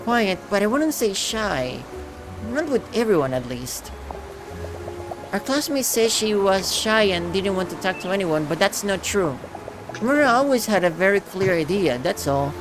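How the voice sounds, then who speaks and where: A man's voice: high-pitched, voice pushed up, poor audio. Man doing a wistful teenage poet girl, music behind. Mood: fond. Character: teenage girl, wistful poet missing her best friend.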